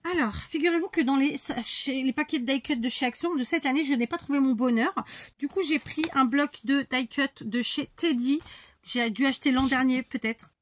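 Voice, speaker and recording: A woman's voice: sits high, moderate pace. A middle-aged woman chatting casually as she works through a scrapbooking tutorial, rambling and talking to herself, a bit stuffy. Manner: rambling, chatty, talks to herself while working. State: stuffy, needs to blow her nose. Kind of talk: casual tutorial chat while crafting.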